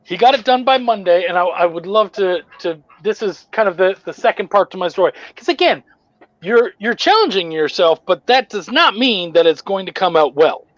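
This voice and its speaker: A man's voice: high-pitched, moderate pace, no room sound, dull audio. A man, a comic book writer guesting on a podcast, telling a story in casual chat with lots of swearing and restarts. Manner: profane, rambling, animated retelling with restarts.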